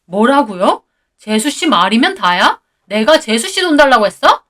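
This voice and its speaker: A woman voicing a rude, angry middle-aged brother-in-law who shouts and blames others. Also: a little high, big pitch swings, moderate pace. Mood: angry shouting.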